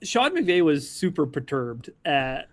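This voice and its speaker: A man's voice: fairly high pitch, big pitch swings, slow. A man co-hosting a casual sports podcast, joking and rambling as he talks.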